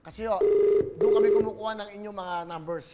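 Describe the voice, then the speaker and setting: A man hosting a live phone-in game show, his voice pitched fairly high for a man. He talks loudly and urgently, coaxing callers to stay on the line. The studio rings with a long hall reverb. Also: quick pace, highs cut off, very noisy.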